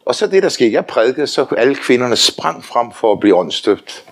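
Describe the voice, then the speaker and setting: An older man preaching with a lively, swinging delivery. His voice sits in an ordinary middle register but rises and falls widely. He tells stories between his points, laughs often and calls on the room to answer amen. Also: mid-range voice. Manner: animated storytelling, often laughing, calls for amens. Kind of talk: sermon.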